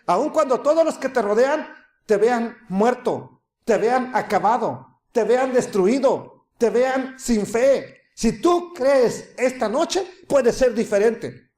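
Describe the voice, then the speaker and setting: Dramatic high-voiced preacher in an echoey room. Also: male voice, lively intonation, takes it slowly. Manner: dramatic, acts out quoted voices, swings from loud to hushed. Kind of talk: sermon.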